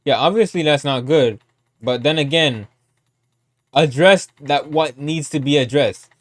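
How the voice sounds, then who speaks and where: A man's voice: on the high side, a little slow, no room sound. A man doing casual live reaction commentary as a streamer, talking in repetitive slang and often saying bro.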